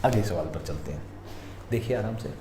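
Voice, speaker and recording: A man teaching reasoning practice questions, walking through each answer step by step and telling viewers to pause and look carefully. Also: sits low, animated. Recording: echoey room, faint noise.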